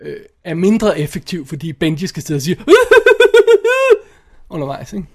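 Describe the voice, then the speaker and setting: A man with a high, light voice talks in a loose, opinionated way, cutting himself off and starting again. He swears casually and keeps the tone conversational and blunt, like a podcast co-host tearing into a film. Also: husky. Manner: animated, opinionated, swears and laughs often, many restarts. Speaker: podcast co-host reviewing films. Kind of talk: casual chat.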